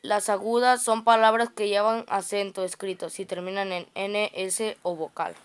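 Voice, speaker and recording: A woman reads her grammar notes aloud. She works through them in a plain, even, halting way, tripping over words and starting them again. Her voice is smooth and clear, at a middle pitch. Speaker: student reciting study notes.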